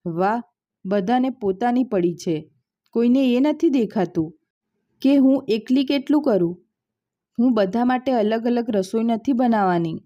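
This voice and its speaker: A bitter, sharp-tongued young daughter from a storybook, as a woman narrator acts her out. Her retorts come out snappish, with a dark tone and a slightly muffled sound. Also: on the high side, moderate pace, lightly acted. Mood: angry. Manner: angry, snapping.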